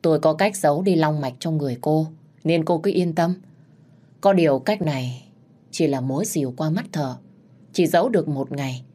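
A woman's voice: low-pitched, moderate pace, warm tone. A woman voicing an older female village shaman who gives stern, instructive warnings.

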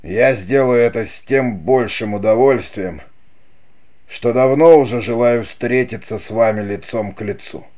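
A man's voice: medium pitch, a little mellow. A man voicing a vengeful, mocking male chief who taunts his brother in an audiobook, sneering and cruel. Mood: cold. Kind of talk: audiobook character reading.

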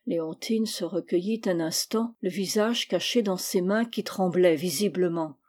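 Woman audiobook narrator, measured storytelling, warm mellow tone. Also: on the low side. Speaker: reader.

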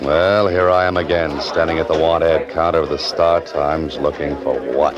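Hard-boiled writer hero, wry, deep voice, 1940s radio drama, dull old recording. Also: male voice, steady tone, normal speed, a loud crowd. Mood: wry, musing. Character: wry, laconic hard-boiled male fiction writer-adventurer. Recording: muffled old radio recording, loud music.

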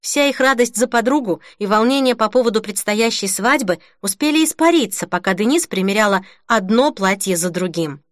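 Brief: woman narrator, expressive storyteller, animated pitch, dry studio read. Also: a little fast, hardly any pauses, dry recording. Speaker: audiobook narrator. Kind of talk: scripted narration.

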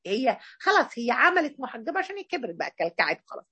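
A woman with an Egyptian accent giving a religious lesson in a colloquial, emphatic and animated way. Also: fairly high pitch, very fast, breathy edge, dry recording, highs cut off. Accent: Egyptian Arabic. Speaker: female Islamic preacher.

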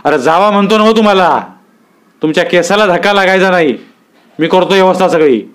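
A man's voice: on the high side, moderate pace, smooth, pitched above the performer's own voice, natural voice. A man reading a story aloud, voicing a stern, commanding middle-aged village headman who gives curt orders. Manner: authoritative, issues curt orders.

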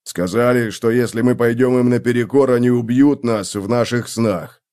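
A man's voice: mid-range voice, moderate pace, a little mellow, smooth, close to an everyday voice. A man voicing a frightened bearded workman. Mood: nervous. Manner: nervous, pleading.

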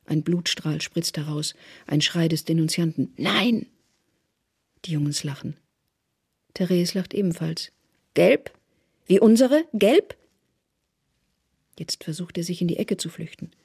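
Husky, hushed radio drama narrator. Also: mid-range voice, flat delivery, no room sound, studio quality. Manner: measured, often hushed to a whisper.

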